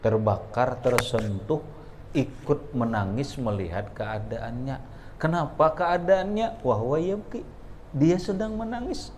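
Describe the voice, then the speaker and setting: A kiai from South Kalimantan teaches a traditional religious book lesson at an Islamic boarding school, speaking with a Banjar accent. His medium-pitched voice is unhurried, slightly mellow, and lively in intonation, with a little hiss or hum. He reads the Arabic in short phrases, explains each in local dialect, and frequently stops to question his students.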